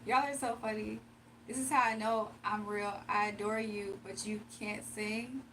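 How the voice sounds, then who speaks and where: Chatty and quick to laugh, a livestream card reader reads out viewer comments while doing readings, her voice a bit strained from nearly going. It's mid-range and a bit bright, with fairly even intonation and a moderate pace, captured on a rough recording with slight hiss or hum.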